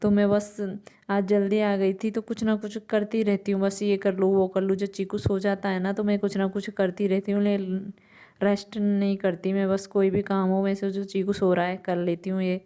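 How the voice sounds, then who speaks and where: Tired mom vlogger, even and mellow, rambles through chores in a home kitchen. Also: female voice, medium pitch, moderate pace, clear, resonant tone. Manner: rambling, talks on while doing chores. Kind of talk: casual chatty home vlog narration.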